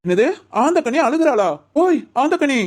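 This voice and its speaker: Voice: sits high, very animated, normal speed. A performer voicing a mischievous young village man in a cartoon. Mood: bantering. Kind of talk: Tamil cartoon voice acting.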